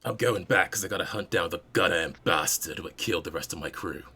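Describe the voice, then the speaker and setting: Low, gruff older man, played by a male game master, blunt and menacing, a vengeful sci-fi tabletop veteran. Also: a little fast, sharp tone, heavily acted. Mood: bitter.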